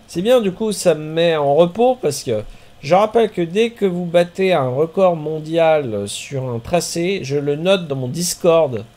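A man streaming a marbles race game, commenting in a chatty way with bursts of excited exclamations. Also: fairly high pitch, unhurried.

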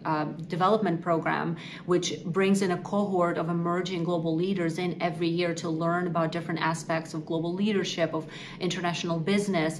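Against a wall in an indoor office, a woman from Ukraine who runs a nonprofit gives a prepared interview to camera. She talks earnestly and articulately in a fairly low voice, with slight background noise.

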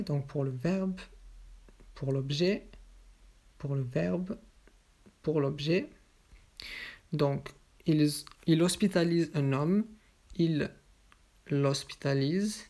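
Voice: medium pitch, vocal fry, a little mellow. A teacher giving a voice-over grammar lesson, working methodically through each example with a question and its answer. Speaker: French teacher.

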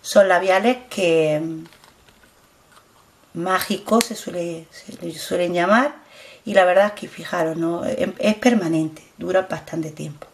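Her voice is fairly low, gravelly and unhurried: a middle-aged Spanish woman with a Spain accent doing beauty vlogging. She chats casually while presenting products on camera, repeating herself to urge viewers to take a close look.

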